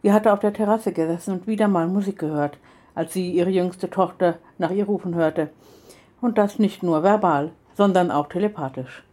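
Woman reading a story, lowish voice. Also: moderate pace, dark tone. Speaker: narrator.

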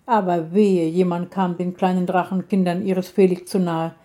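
Female storyteller for a children's tale: mellow tone, calm measured reading. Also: lowish voice.

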